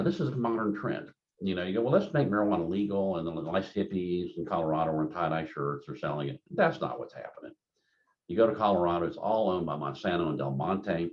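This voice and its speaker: Deep-voiced older man lecturing. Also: a little mellow. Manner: rambling, anecdotal, conversational with many fillers. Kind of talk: continuing-education lecture. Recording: dull lo-fi lecture recording.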